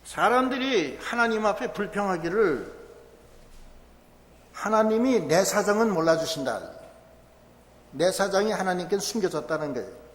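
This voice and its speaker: A man preaches in a church, explaining scripture in a conversational, emphatic way. His voice sits a bit high for a man. The sound is roomy, with a long hall tail. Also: expressive, moderate pace, long pauses. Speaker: pastor. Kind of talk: sermon. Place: church sanctuary.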